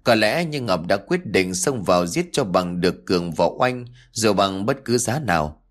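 Low-voiced man, steady, measured horror audiobook narration. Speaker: storyteller.

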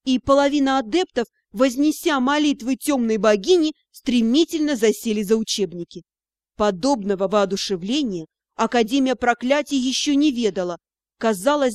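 A woman's voice: on the high side, darkish tone, no room sound, studio quality. A woman narrating a first-person fantasy story as an audiobook reader, telling it expressively and acting out the dialogue.

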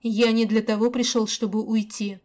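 A woman's voice: fairly high pitch, little pitch movement, normal speed, a little mellow, close to an everyday voice. A woman reading the lines of a reserved adult man who speaks curtly and dryly in an audiobook. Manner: dry, curt. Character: reserved adult man, dry terse lover.

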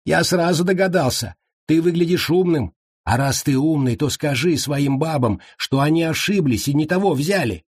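A man reading an audiobook voices a frightened wild man who squeaks, trembles and babbles nonstop. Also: moderate pace, husky, dry recording, studio quality. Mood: frightened, babbling.

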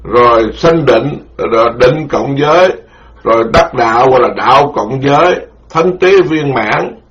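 Monk, slow and deliberate. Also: male voice, medium pitch, a bit bright. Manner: slow, deliberate, repeats key terms for listeners. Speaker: Buddhist monk teacher. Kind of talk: Buddhist dharma lecture. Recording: dull lo-fi recording.

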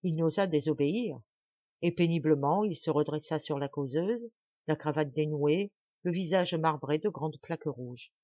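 A woman narrating a classic novel as an audiobook in a measured, expressive reading. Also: sits low, dry recording, dull audio. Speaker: audiobook reader.

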